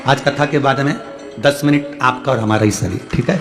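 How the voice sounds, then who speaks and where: A man's voice: medium pitch, moderate pace, over music. A male preacher from central India gives a devotional sermon to a live crowd on a stage mic. He answers listeners' letters with homely examples and urges the crowd to call back. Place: large outdoor stadium gathering.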